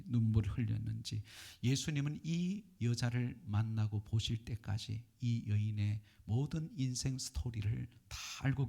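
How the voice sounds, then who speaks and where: A male pastor delivering an impassioned sermon, often dropping to a hushed whisper for emphasis. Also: medium pitch, gravelly, husky.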